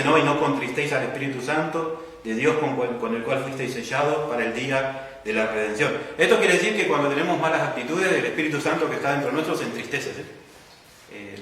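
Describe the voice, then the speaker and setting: A man with an Argentine accent preaches a sermon in a mid-range, somewhat bright voice, with slight background noise. He teaches patiently, asking the congregation questions and tagging lines with "¿no?", recorded from a distance in an echoey church hall.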